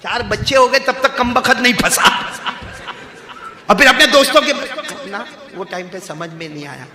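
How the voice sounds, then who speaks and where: High-voiced preacher shouting in an echoey hall. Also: male voice, lively intonation. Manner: swings from soft storytelling to shouted, chanted Quranic recitation. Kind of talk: Islamic story sermon to a live crowd.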